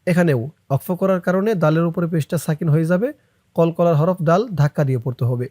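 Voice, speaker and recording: A man with a Bangladeshi accent teaching recitation, spelling each letter and vowel slowly before chanting it drawn out, with brisk explanations in between. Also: on the high side, warm tone, dry recording, clean studio sound. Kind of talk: slow letter-by-letter recitation lesson.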